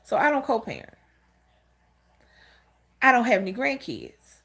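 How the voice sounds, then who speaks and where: A woman's voice: fairly high pitch, wildly swooping pitch, a little slow, vocal fry, a bit bright, husky. A woman in her fifties hosting a casual livestream, speaking candidly and telling stories straight to her viewers. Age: 50s. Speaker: channel host. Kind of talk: casual livestream talk greeting chat viewers.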